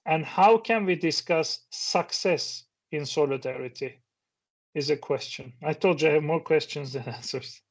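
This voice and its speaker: Speaking at normal speed with a voice on the high side, this conference speaker is a middle-aged man whose first language is Turkish. His talk is reflective, full of questions for the audience, with the odd restart, captured in dull lo-fi audio.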